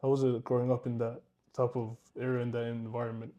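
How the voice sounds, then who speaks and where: A man's voice: mid-range voice, flat delivery, quick pace, warm tone, lo-fi sound. A young man hosting a casual podcast chat, asking rambling questions full of ums and likes. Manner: rambling, filler-heavy questions. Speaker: host.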